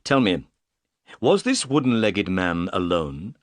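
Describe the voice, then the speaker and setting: A man reading the part of a calm, polite detective in a storybook, speaking firmly and briskly. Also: deep voice, dry recording, clean studio sound, heavily acted. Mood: concerned. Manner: firm, clipped, quick delivery.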